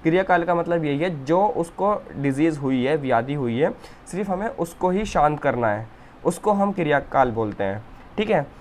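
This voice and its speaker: Young male tutor, slightly high voice, patient step-by-step whiteboard lecture. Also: lively intonation, moderate pace, slight background noise. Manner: explains step by step, often checks with "ठीक है". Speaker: Ayurveda teacher.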